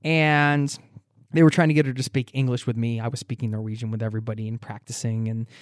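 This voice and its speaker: A man's voice: mid-range voice, flat delivery, fast, clean tone, no room sound, studio quality. A man hosting a podcast from a wooden cabin, chatting casually and cheerfully to listeners as friends. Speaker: podcast host. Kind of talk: solo podcast intro, casual chat to listeners.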